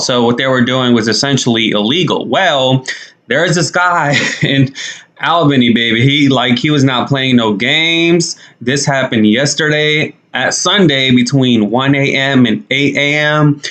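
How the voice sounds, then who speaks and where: A man's voice: medium pitch, a bit bright. A young man with a mid-range voice comments on the news as a YouTuber. His delivery is conversational and slangy, as in a casual vlog recorded indoors. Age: young adult. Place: small indoor room.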